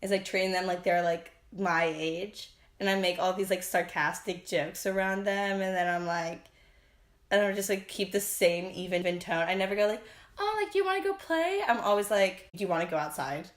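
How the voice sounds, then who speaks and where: A young woman hosting a podcast in casual chat, with vocal fry, saying "like" often and laughing a lot. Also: fairly low pitch, fairly even intonation, normal speed, echoey room. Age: young adult. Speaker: podcast host.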